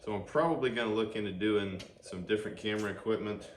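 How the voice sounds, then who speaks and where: He talks fast in a loud, lowish voice, hosting a laid-back workshop vlog while working on an engine out in the garage. Everything is captured through the camera microphone without an external one, amid noisy, reverberant ambience.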